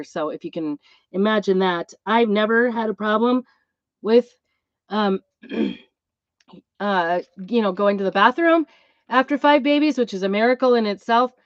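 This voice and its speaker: A woman's voice: mid-range voice, no echo. A middle-aged woman who is ill with a cough, chatting casually and ramblingly as host of a live craft stream, with a tin-can sound. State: ill with a cough and plugged ears. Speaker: craft channel host, music teacher. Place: inside an Airstream trailer. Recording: dull, boxy tin-can sound, close and dry.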